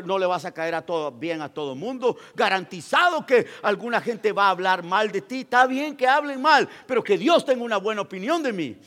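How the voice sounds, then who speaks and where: A male pastor preaching a sermon, repeating phrases for emphasis and swinging between loud proclamations and quiet asides. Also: high voice, big-room sound. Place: church.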